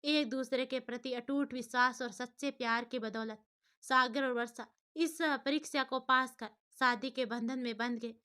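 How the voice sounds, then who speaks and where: A woman storyteller narrating in a steady, expressive way. Her voice is high, bright and clear, and it carries the story along evenly. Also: normal speed.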